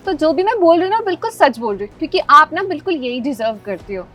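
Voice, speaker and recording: A woman's voice: sits high, very animated, fast, fairly bright tone, recorded from a distance. A woman playing a bratty, taunting daughter. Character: spoiled mocking young daughter.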